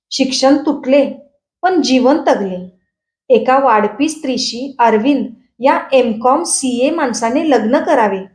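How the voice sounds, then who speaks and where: A woman's voice: sits high, darkish tone. Woman reading as an earnest young bride. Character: young woman, orphaned, proud and humble.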